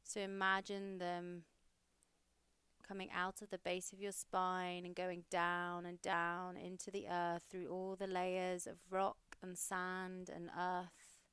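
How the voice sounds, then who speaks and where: Slow, smooth-voiced woman guiding meditation. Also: fairly low pitch, no room sound. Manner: slow, soothing and steady. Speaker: meditation guide and podcast host. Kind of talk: guided meditation.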